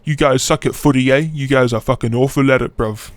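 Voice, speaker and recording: A man's voice: mid-range voice, steady tone, a little fast, no room sound, close to an everyday voice. A man putting on a mock British accent to play a touchy, argumentative British man who fires back huffy, rambling retorts.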